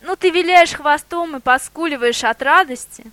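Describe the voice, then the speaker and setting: A woman voicing a sly, bold male boar who talks in a lively, persuasive, theatrical way. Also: sits high, moderate pace, no echo, pitched above the performer's own voice. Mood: mocking.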